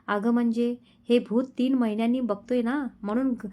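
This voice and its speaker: A woman's voice: on the high side, steady tone, moderate pace, warm tone, lightly acted. A woman voicing a young husband in a romance storybook reading, speaking in an affectionate, playful way. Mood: tender. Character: young husband, tender and teasing.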